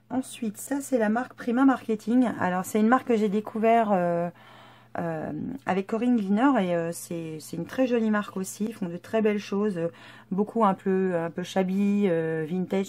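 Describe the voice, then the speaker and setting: A woman's voice: mid-range voice, darkish tone. A woman vlogger casually presenting scrapbooking papers, chatty and hesitant with many fillers. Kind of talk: casual haul show-and-tell.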